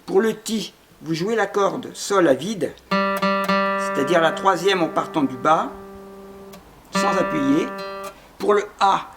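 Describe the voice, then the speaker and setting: A man with a high voice gives a guitar lesson at an unhurried pace, breaking each step down with patience. He sings short phrases to demonstrate. Plucked guitar chords ring clearly behind his voice. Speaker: guitar teacher. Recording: guitar playing along.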